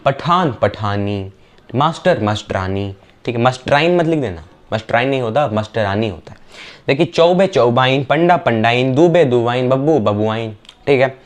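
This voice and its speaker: Man, young adult, teacher, brisk revision lesson, repetitive drilling, mid-pitched voice. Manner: brisk, repetitive drilling with quick checks on the students.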